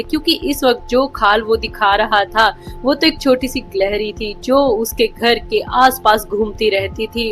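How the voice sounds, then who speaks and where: A woman narrating a story summary in a dramatic, expressive storytelling manner. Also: fairly high pitch. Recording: soft background music.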